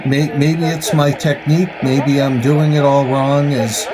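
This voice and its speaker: In a steady, mid-range voice, a hobbyist reviewer casually demos a gadget, stopping mid-phrase as he goes. He's skeptical and opinionated; a crowd is audible and the recording is low quality.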